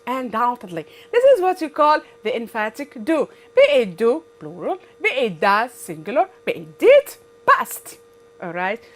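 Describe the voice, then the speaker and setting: Animated woman teaching English grammar. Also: sits high. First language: Arabic. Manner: emphatic, repeats key words, frequent "right?" and "good". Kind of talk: grammar revision lesson.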